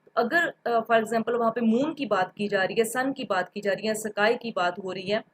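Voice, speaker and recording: Woman teacher w going slow through grammar rules, fairly high voice, repeats every example. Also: poor audio. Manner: patient, repeats examples, mixes in English terms. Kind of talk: grammar lecture.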